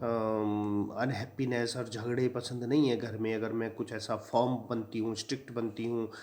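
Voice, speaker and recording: A man's voice: mid-range voice, flat delivery, normal speed, darkish tone, natural voice. A man voicing a timid, apologetic housewife. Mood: hesitant. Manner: hesitant, apologetic, pleading. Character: timid, meek middle-aged housewife.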